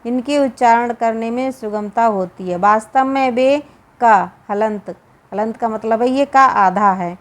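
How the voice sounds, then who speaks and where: A woman with a Hindi accent, reading and explaining a Sanskrit grammar lesson slowly and deliberately, drawing out each sound. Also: on the high side. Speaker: Sanskrit teacher.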